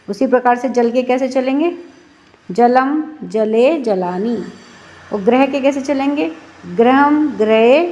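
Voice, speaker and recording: A woman teaching a class, explaining slowly and reciting word forms one by one, asking questions and answering them herself. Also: sits high, darkish tone. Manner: patient, asks and answers own questions.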